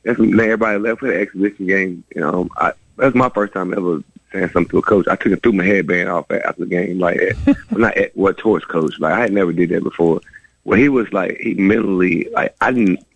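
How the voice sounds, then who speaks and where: Brief: very low, fast-talking man with a husky fry; rambling guest on lo-fi radio. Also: dry recording. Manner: rambling, animated, many restarts. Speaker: former college basketball player, guest. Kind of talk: storytelling in a radio interview.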